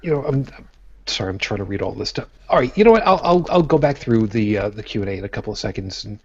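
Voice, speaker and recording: This Brooklyn, New York man co-hosts a live podcast, chatting casually in a blunt, joking, profane way full of restarts. He talks fast and animatedly in a low voice with a breathy edge, and the recording is dry and muffled.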